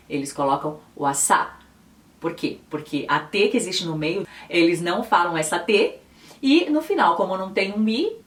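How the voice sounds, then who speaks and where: Woman, São Paulo accent, casual video lesson, echoey room, distant mic. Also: mid-range voice. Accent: São Paulo Brazilian Portuguese. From Brazil. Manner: chatty, patiently spelling out pronunciations. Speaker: Spanish teacher and video host. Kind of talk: casual explainer lesson to camera. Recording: roomy echo, mic a bit distant.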